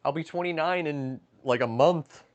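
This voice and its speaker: This livestreamer, a man in his late twenties, jokes around and reads chat messages aloud as he cooks, swearing freely and occasionally heading out of his home kitchen for a smoke. He speaks at a moderate pace in a voice on the high side, captured with lo-fi sound.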